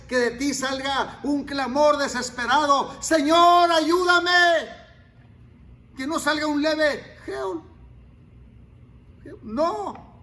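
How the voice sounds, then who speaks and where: A male pastor preaching a sermon, dropping to near-whispers and then rising to loud, pleading cries. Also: extremely high pitch, slight background noise. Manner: swings from quiet murmurs to loud cries.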